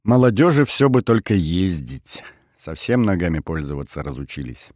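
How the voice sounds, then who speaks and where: A man's voice: low-pitched, lively intonation, normal speed, a little mellow, no room sound. A man voicing a grumpy, spry old male power engineer in an audiobook, grumbling and teasing.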